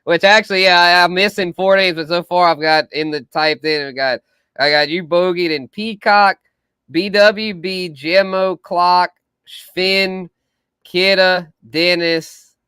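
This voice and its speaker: A man with a bright, crisp voice, fairly high for a man, chatting casually and laughing easily on a live stream. His voice sounds close and dry, with no room around it. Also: steady tone, a little slow, no room sound. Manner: laid-back, slangy, laughs often. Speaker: podcast host.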